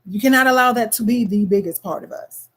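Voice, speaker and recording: Chatty woman, slightly high voice. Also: fairly quick, slightly rough. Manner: loose and conversational, frequent "you know what I'm saying"; slips into a put-on Caribbean lilt. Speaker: vlogger. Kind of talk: casual monologue.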